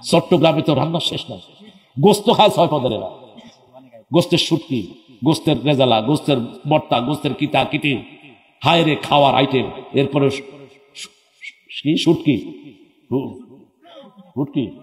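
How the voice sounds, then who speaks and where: A man's voice: mid-range voice, moderate pace, pauses often. Fiery male preacher in an echoey hall. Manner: fiery, asks the crowd questions and answers them; breaks into chanted, sung phrases. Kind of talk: Islamic sermon at a public gathering. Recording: echoey hall with long reverb.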